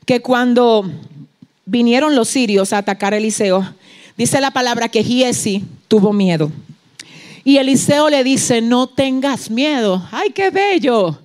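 A woman preacher. She delivers a fervent sermon and swings from hushed, intimate asides to shouted peaks. She acts out bits of dialogue in quoted voices. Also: on the high side, animated, measured pace. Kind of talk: Pentecostal-style sermon.

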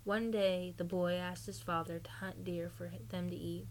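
A woman's voice: fairly low pitch, flat delivery, normal speed, background noise. A woman podcast host chatting casually and reading a spooky story aloud.

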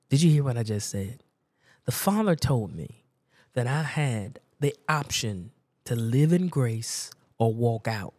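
A male preacher telling a personal story in a conversational sermon, repeating himself for emphasis. His voice sits at an ordinary middle pitch. The recording is dry with almost no room sound. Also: dark tone, no room sound.

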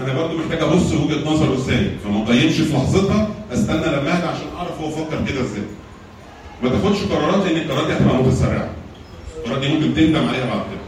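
A man's voice: a little high, darkish tone, slight background noise. A man with an Egyptian Arabic accent giving a church talk on anger management with slides. He teaches with rhetorical questions and repeated phrases. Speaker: church lecturer. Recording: very echoey room, mic far off.

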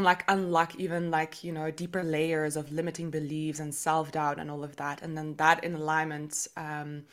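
A woman explaining her work as an interview guest, in informal, reflective, conversational speech. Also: low voice. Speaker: podcast guest, astrologer and spiritual guide. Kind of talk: casual explanatory interview talk.

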